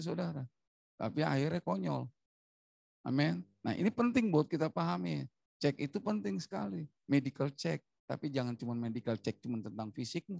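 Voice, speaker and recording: A middle-aged Indonesian man, an evangelist preaching a sermon, who tells a personal testimony in an animated way and keeps addressing the congregation. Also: fairly high pitch, vocal fry, no echo.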